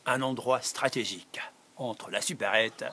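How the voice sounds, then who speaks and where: A man telling a comic story on stage, lively and playfully conspiratorial. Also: medium pitch, measured pace, slight background noise.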